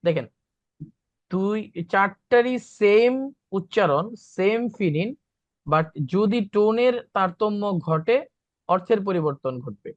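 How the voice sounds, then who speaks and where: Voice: mid-range voice, expressive, slow pace, no room sound, dull audio. A teacher giving an online language class, repeating practice syllables and mixing in English words. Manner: repeats drilled syllables, code-mixes English. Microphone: video call.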